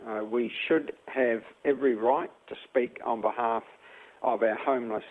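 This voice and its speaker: A man's voice: mid-range voice, steady tone, normal speed. A man who works as an emergency housing provider, speaking in a news clip with his voice altered to hide who he is, earnest and hesitant with many uhs. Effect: voice altered to hide identity. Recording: thin phone-like sound.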